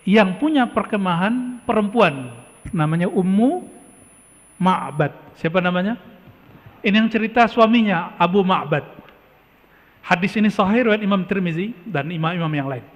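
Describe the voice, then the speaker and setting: A man's voice: high-pitched, lively intonation, normal speed, pauses often. A man preaching a sermon in a mosque, telling a story with rhetorical questions and frequent "ya". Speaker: Islamic preacher. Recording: long hall reverb.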